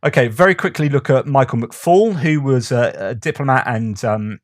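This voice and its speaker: A man's voice: mid-range voice, normal speed, no room sound, studio quality. A man giving casual commentary on war news, reading out quotes and asking rhetorical questions.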